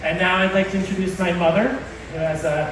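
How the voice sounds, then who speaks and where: A man giving an informal wedding toast as the groom, speaking haltingly to his guests. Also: sits high, fairly even intonation. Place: large reverberant venue with guests. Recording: echoey hall from far off, noisy crowd.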